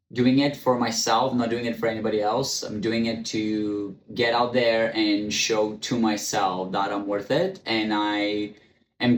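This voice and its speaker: Speaking English as a second language, this podcast host delivers a candid solo monologue on camera in an echoey room with faint ambience. His fairly low voice carries a little hiss or hum, and he talks bluntly, with stutters, restarts, many ums and occasional casual swearing.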